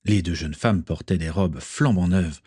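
A man reading a story aloud as narrator, steady and measured. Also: low-pitched, husky, no room sound, studio quality.

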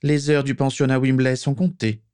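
A man reading aloud and voicing a menacing dark lord who gives orders slowly and coldly. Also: mid-range voice, level tone, smooth, voice pushed up, lightly acted. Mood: commanding. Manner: slow, commanding.

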